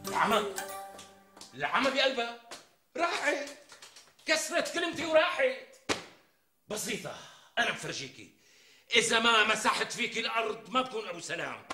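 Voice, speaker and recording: A meek Damascene husband. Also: male voice, very high-pitched, sing-song, a little fast, long pauses, reverberant, over music. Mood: blustering. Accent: Damascene Syrian Arabic. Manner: rehearses bold speeches, mocking and ranting. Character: meek middle-aged husband, browbeaten, blustering when alone. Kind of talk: TV sitcom acting.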